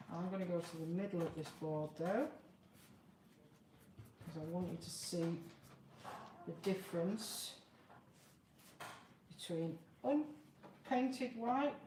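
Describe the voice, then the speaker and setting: A woman's voice: on the low side, unhurried, pauses often. A woman in her fifties hosting a live craft tutorial in a plain-spoken, chatty, informal way. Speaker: craft demonstrator, live show host. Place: large open workshop, indoors. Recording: roomy, noisy workshop, far from mic.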